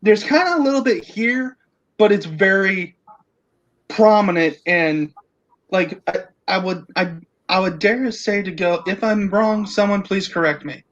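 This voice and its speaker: A man with a distinctly high-pitched voice hosts a casual podcast discussion. He works through his thoughts out loud, restarting and rewording. The sound is slightly lo-fi and muffled. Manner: halting, repeats and rephrases as he thinks aloud. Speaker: podcast host.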